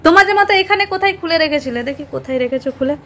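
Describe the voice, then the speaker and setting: A woman's voice: sits high, very fast, bright, forceful tone, slight background noise, rough recording. A young woman filming her children, playfully teasing them and narrating to viewers. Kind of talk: casual family vlog narration.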